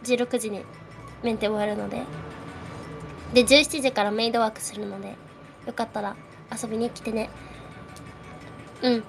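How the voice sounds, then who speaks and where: Young woman, streamer host, casual nervous chat with a shaky voice, slightly high pitch, faint music bed. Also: steady tone, normal speed, creaky, long pauses. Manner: nervous, shaky voice, frequent nervous laughs. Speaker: streamer hosting a live audio space. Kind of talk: casual chat greeting listeners.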